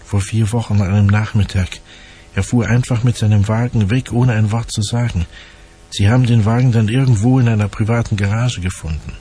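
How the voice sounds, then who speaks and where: A man's voice: on the low side, steady tone, mellow, slight background noise, natural voice. A man voicing a haughty, spoiled wealthy young woman who sneers and snaps, read as part of a dramatized audiobook. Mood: pleading. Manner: languid, sneering, quick to snap.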